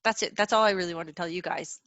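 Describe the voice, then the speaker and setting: Bright, chatty woman hosting a webinar. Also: fairly low pitch, fast talker, no echo, muffled recording. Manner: chatty, lots of "like" and "you know", reassuring. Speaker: webinar host. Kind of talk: casual chat. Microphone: video call.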